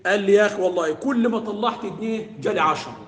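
A man's voice: high voice, very fast. A man with an Egyptian Arabic accent giving a religious lesson to a live audience, asking questions and letting his listeners finish his sentences. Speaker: religious teacher. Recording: echoey hall.

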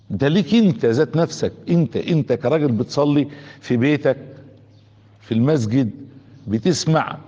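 A man's voice: medium pitch, darkish tone. A man with an Egyptian accent preaching a colloquial sermon, throwing rhetorical questions at his listeners and often restarting his words. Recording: dull sound with long hall reverb.

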